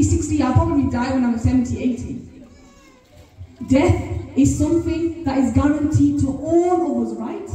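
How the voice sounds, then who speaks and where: A woman gives an earnest religious talk, throwing questions at her gathered listeners. Her voice sits high and mellow. It rings through a very echoey hall, picked up from well back from the mic. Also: far from the mic. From Bradford, England. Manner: earnest, keeps questioning the audience. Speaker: Islamic teacher.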